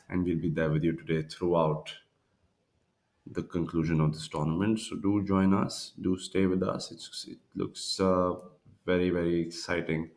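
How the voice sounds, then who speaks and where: A man's voice: deep voice, darkish tone, roomy sound. A man working as a golf commentator, hosting live tournament coverage from a studio. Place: broadcast studio.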